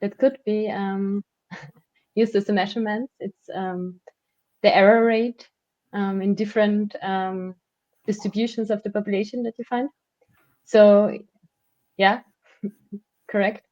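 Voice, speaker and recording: A woman's voice: mid-range voice, steady tone, a little slow, long pauses, darkish tone, dry recording. A woman expert in a panel discussion, thoughtful and hesitant, with frequent fillers. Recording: dry, dull lo-fi audio.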